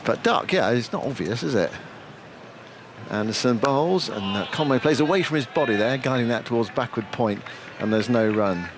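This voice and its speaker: A man's voice: medium pitch, expressive, normal speed. A man giving live ball-by-ball cricket radio commentary mixed with casual chat. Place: commentary box at a cricket ground. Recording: outdoor ground noise behind voice.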